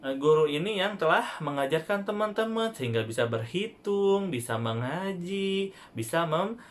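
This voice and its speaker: A young man, a primary school religion teacher, giving a gentle online lesson to young children with frequent questions to the class. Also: fairly high pitch. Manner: gentle, patient, addressing kids directly with frequent rhetorical questions.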